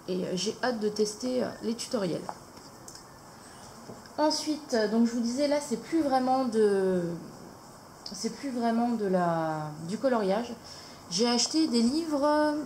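Woman, craft vlog host, casual and halting, gravelly edge, faint hiss behind. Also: fairly high pitch, darkish tone, low-quality recording. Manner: hesitant, many fillers. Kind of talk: casual haul video.

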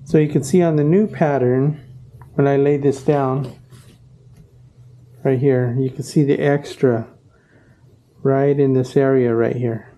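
Dark-voiced middle-aged man teaching upholstery. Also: mid-range voice, steady tone, a little slow, long pauses. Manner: plain, practical explaining with fillers and self-corrections. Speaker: auto upholsterer teaching his craft. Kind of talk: casual workshop tutorial. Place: upholstery workshop indoors.

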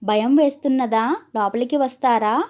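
A woman reading as a gentle, timid wife in a storybook tale, soft and anxious. The voice is high-pitched and mellow. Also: normal speed, natural voice. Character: meek, worried young wife.

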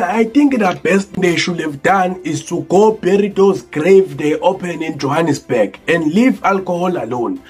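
A man's voice: high voice, a little mellow, slightly rough. A young South African man with a mock-earnest, emphatic manner, speaking as a guest in a parody news interview. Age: young adult. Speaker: comedian. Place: indoor room.

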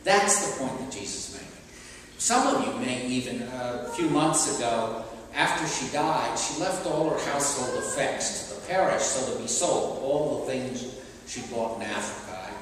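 A man's voice: medium pitch, animated, moderate pace, a little hiss or hum. An older man, a priest giving a homily at a pulpit, talking conversationally with fillers and restarts. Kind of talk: sermon. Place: large church. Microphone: stand mic at a pulpit. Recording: echoey church from a distant camera.

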